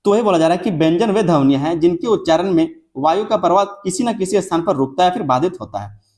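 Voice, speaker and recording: A man's voice: sits high, lively intonation, darkish tone. A young man teaching a lecture, repeating points and drawing out example words, often checking in with his students. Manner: repetitive, drawn-out example words with frequent checks like "theek hai". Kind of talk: classroom lecture.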